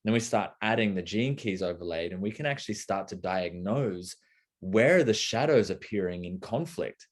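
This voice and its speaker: With a low-pitched, expressive voice at normal speed, a young man co-hosts a live talk. His conversational style is relaxed and reflective, wandering along with plenty of fillers and false starts.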